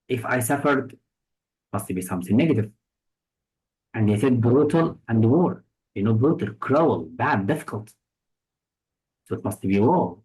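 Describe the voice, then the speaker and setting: A man's voice: medium pitch, darkish tone, poor audio. A man teaching English vocabulary for test prep with an Egyptian accent, patiently explaining each word through examples and synonyms.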